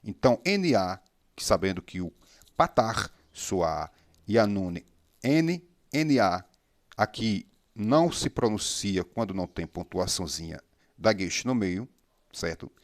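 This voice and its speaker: Man, low voice, patient teacher, sounds out syllables, dry close sound. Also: animated, no echo. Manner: patient, repeats syllables slowly, checks in with "certo?". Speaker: Hebrew reading teacher. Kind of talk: step-by-step reading lesson.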